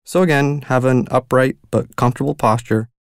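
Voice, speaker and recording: A man serving as meditation guide narrates a mindfulness session in a clean-toned, mid-range voice. Calm and gentle, he gives unhurried instructions broken up by long pauses. The sound is clean studio audio with no room sound.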